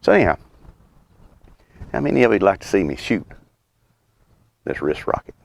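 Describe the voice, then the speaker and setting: A middle-aged man with a Southern US accent and a deep voice full of gravelly creak. He rambles along in an easygoing, folksy way with dry humor, talking as he puffs on a pipe. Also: sing-song. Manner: folksy, unhurried, wry humor; talks while puffing on a pipe. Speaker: host of a homestead and birdwatching channel. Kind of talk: rambling casual vlog chat. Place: outdoors.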